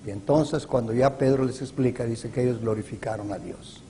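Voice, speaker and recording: A man preaching a sermon in a slow, emphatic way, with stressed words that rise sharply. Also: medium pitch, dark tone, a little hiss or hum. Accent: Latin American Spanish.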